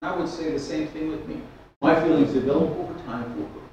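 In an echoey church hall with a stage and keyboard, an older pastor delivers a sermon, telling stories animatedly with hand gestures and frequent restarts. His fairly high voice is brisk and sounds distant and lo-fi, with slight background noise, since he's off the lectern's stand mic and filmed by a far camera.

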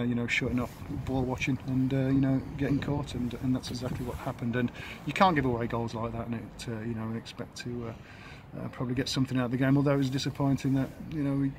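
A man in his fifties, an English football manager, giving a halting post-match interview outdoors by the pitch, full of fillers and restarts. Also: level tone. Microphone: handheld camera at close range. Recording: outdoor noise behind.

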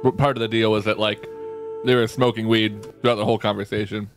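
A man's voice: on the low side, little pitch movement, quick pace, music in the background. A man in the band chatting on a livestream, rambling through stories and asking questions. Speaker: band member. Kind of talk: casual chat on a livestream.

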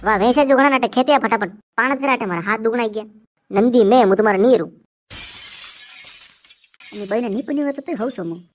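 Rajasthani woman for a comic cartoon, high, fast bantering delivery. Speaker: cartoon comedy voice actor. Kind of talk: comic dialect cartoon voicing.

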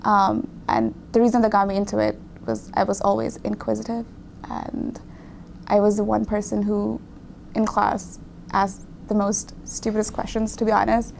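A woman's voice: mid-range voice, little pitch movement, moderate pace, gravelly, darkish tone, a little hiss or hum. A young woman from Pakistan, a graduate student, talking candidly in an interview and often correcting herself mid-word. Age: young adult. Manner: thoughtful, self-correcting, candid. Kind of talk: casual interview. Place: small office with windows.

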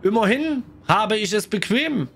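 A man's voice: high voice, lively intonation, measured pace, gravelly, a bit bright, voice pushed up, exaggerated voice. Lazy, gluttonous forest creature, played by a man: a sleepy, shrugging storybook voice. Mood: unbothered. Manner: sleepy, unbothered.

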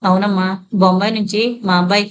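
A woman voicing a kindly old grandfather who speaks softly and soothingly to a small girl. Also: medium pitch, little pitch movement, quick pace, smooth, natural voice. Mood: gentle. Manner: soft, soothing, hushed.

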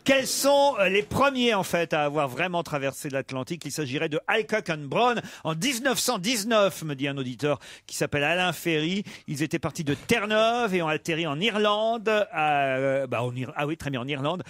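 High-voiced, brisk radio host man. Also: expressive, a bit bright. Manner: brisk, reads out listener messages, laughs easily. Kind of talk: hosting comic radio talk.

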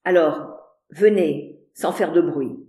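A woman reading aloud and playing a brusque, commanding middle-aged gentleman who gives clipped, forceful orders. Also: deep voice, slow pace. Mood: hushed urgent. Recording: roomy echo.

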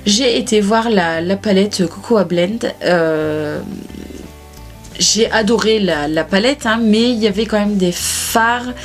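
A woman's voice: mid-range voice, slow, soft background music. A woman, chatting casually to camera about her beauty purchases, with lots of hesitations and restarts. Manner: chatty, many fillers and restarts. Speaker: beauty vlogger. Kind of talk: casual haul chat to camera.

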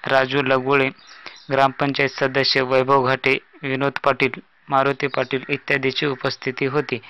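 A man reading a scripted news report in a flat, formal voice-over. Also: mid-range voice, smooth, rough recording.

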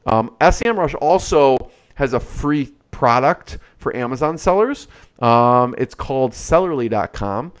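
Guy hosting an interview podcast, really clear voice, talking close into a desk mic. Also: medium pitch, animated, measured pace. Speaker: podcast host. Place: indoor studio or office, on video call. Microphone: large desktop microphone, close.

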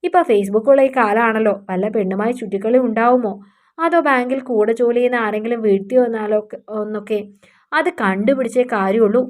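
Woman doing a hurt housewife, soft pleading voice, audio story drama. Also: a little high, a little fast, close to an everyday voice. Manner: pleading, wounded, softly complaining.

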